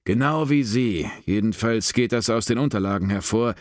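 A self-righteous, zealous American agent, voiced by a male narrator in an audiobook. He speaks in a raised, strained pitch, smug and sanctimonious, quick to bellow. The sound is close and dry. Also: dry recording, close to an everyday voice. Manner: sanctimonious, flaring into shouting.

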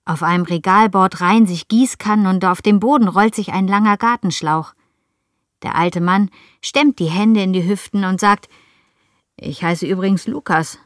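A woman reads a story aloud in the first person, lively and clear. Her voice sits at an ordinary middle pitch. The recording is dry and close. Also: moderate pace, no echo. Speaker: narrator. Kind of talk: storybook reading.

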